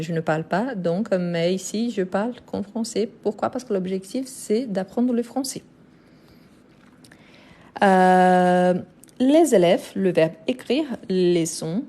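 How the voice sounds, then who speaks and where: French-Brazilian woman teacher, mid-pitched, slow and deliberate, lots of filler words, live online grammar lesson. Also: dark tone. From France and Brazil.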